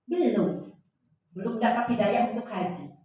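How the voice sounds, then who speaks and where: A woman's voice: mid-range voice, lively intonation, unhurried, mellow. A woman lecturer teaching a class in a joking way, quizzing her audience with questions. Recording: very echoey room, voice heard from a distance.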